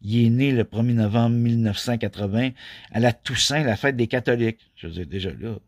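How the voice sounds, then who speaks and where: A man in his forties with a Québécois accent, rambling through a personal vlog in a flat, robot-like delivery, full of filler tags. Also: mid-range voice, fairly quick, dry recording, studio quality. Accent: Québécois French. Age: 40s. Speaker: YouTuber.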